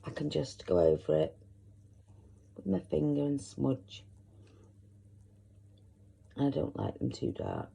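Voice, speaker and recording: Croaky, gravelly woman giving makeup tips. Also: a bass voice, wildly swooping pitch, takes it slowly, pauses often, mellow. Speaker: makeup tutorial host. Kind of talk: step-by-step makeup tutorial.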